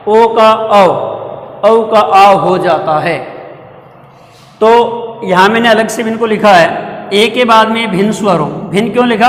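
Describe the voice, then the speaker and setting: A man with a fairly high voice teaches a grammar lesson at a slow, steady pace. He walks through examples patiently, posing questions and answering them himself. The sound is roomy, with a long reverb trailing his words. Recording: echoey room with long reverb.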